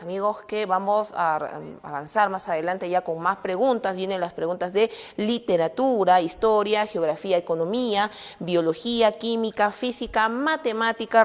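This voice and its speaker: Woman presenter in a reverberant hall. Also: mid-range voice. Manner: formal, introduces guests. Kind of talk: live broadcast hosting.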